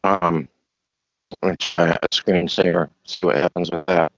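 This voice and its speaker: A man talking as a guest on an online call, in halting, pause-filled casual speech, his audio glitching and cutting out. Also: deep voice, steady tone, a bit bright, dry recording. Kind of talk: casual chat. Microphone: online call mic. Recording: dull lo-fi call line.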